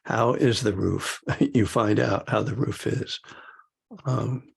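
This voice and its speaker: Older male meditation teacher, very husky and gravelly, loose rambling talk with chuckles. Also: fairly low pitch, takes it slowly. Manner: rambling, chuckling often, many fillers. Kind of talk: casual dharma talk.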